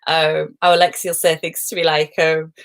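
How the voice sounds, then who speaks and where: A woman's voice: low voice, level tone, moderate pace. A middle-aged woman, hosting a live stream as a positivity coach, chatty and digressive with frequent laughs. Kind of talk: casual live-stream talk.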